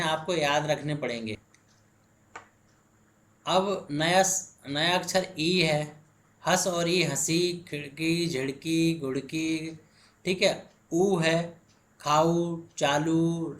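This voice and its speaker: A man teaching grammar, explaining slowly word by word and checking in often with the class. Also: on the high side. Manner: slow, drawn-out word-by-word explaining, frequent "ठीक है" check-ins. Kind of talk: blackboard lesson.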